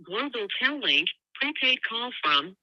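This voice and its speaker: A woman's voice: on the high side, big pitch swings, unhurried, bright, forceful tone, no echo. Automated female phone prompt with keypad tones. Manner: clipped, formal recorded announcement. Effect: automated call prompt over the line with phone keypad tones. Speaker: automated prison phone system announcer. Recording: tinny phone line, dry.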